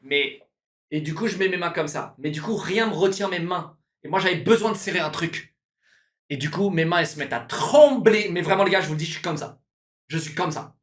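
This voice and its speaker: Lively young streamer telling a story. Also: male voice, sits high. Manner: animated, repeats himself, addresses viewers as guys. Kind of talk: casual storytelling to a live chat.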